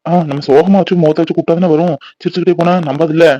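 A man's voice: a little high, steady tone, rapid-fire, warm tone, no room sound, highs cut off, lightly acted. A man voicing a teasing, playful young husband in a cartoon. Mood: scheming. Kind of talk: Tamil cartoon voice acting.

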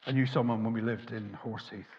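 A man, preaching a sermon from a lectern, gesturing widely and swinging from emphatic peaks to quiet asides. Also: lowish voice, steady tone, quick pace, a little hiss or hum. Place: church hall with a lit tree behind a lectern. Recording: muffled, with long hall reverb.

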